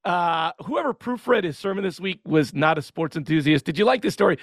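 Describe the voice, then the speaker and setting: High, gravelly-voiced man, dry mic. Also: animated, a little fast, no room sound. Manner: wry, segment-introducing. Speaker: podcast host. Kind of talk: casual commentary on sermons.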